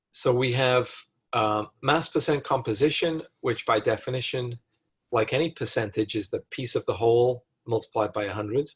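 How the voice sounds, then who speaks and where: A husky, medium-pitched man works through chemistry problems methodically in a recorded lecture walkthrough. As he reasons out loud, he often stops mid-sentence to revise what he said.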